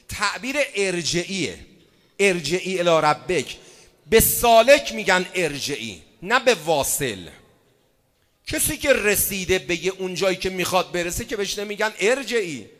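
A man with a Tehrani accent preaching a sermon, swinging from hushed asides to loud chanted verses. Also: sits high, long reverb tail. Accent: Tehrani Persian. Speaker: cleric preacher. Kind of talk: sermon with storytelling.

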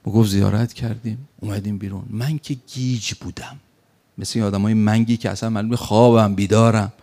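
A man's voice: fairly low pitch, fairly even intonation, dark tone. A man preaching a sermon, telling a story in an emphatic way and acting out the lines of the people in it. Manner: recounts an anecdote with acted quotes, emphatic.

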